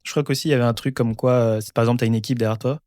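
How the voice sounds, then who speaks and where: A man hosting a casual podcast, asking curious short questions and giving quick acknowledgements. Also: medium pitch, steady tone, darkish tone, dry recording, clean studio sound. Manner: curious, brief questions and backchannels. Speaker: podcast host.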